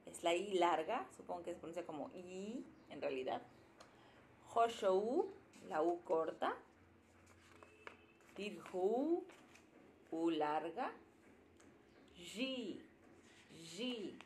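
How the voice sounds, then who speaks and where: A woman casually thinking aloud during a live study session, slowly sounding out letters as she writes them. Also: on the low side, expressive, slight background noise. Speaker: language learner streaming her study sessions.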